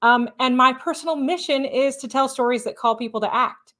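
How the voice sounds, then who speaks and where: A woman's voice: sits high, brisk, a bit bright. A woman speaking passionately as a guest on a live podcast, with a polished news-reporter cadence. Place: stage at a live event.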